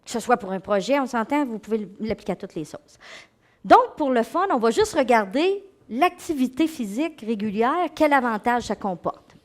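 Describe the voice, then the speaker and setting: A middle-aged woman with a Québécois accent gives an animated talk as a psychologist, addressing her audience directly and acting out inner voices. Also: fairly high pitch, normal speed. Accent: Québécois French. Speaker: psychologist and speaker giving a talk. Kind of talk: lively lecture to an audience.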